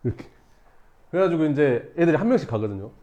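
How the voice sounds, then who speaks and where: A male teacher telling a class a story, acting out shouts and screams and laughing as he goes. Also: a little high, animated, fast talker, muffled recording. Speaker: math teacher.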